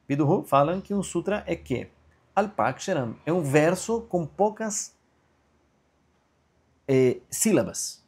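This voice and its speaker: Gravelly-voiced man teaching an online class. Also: fairly high pitch, a little mellow. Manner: explanatory, many fillers and checks like "entende?"; slow chanted recitation of a verse. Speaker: Sanskrit grammar teacher.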